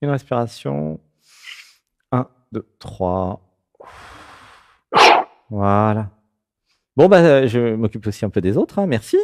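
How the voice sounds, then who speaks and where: Heavy background noise surrounds a fairly low-voiced French man who speaks slowly with long pauses. He hosts a spiritual talk show, guiding a caller in an animated way and often checking in with "tu vois."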